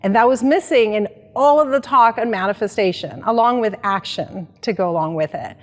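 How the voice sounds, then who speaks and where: In an interview set in a large hall, a Dominican life coach in her forties tells her life story earnestly and reflectively. Her voice is mid-range and her delivery brisk.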